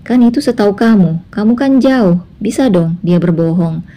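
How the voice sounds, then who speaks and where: A woman's voice: mid-range voice, moderate pace, dark tone, voice pushed up, lightly acted. A woman voicing a scheming middle-aged mother who coaxes and insinuates in a spoken drama story. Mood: insinuating.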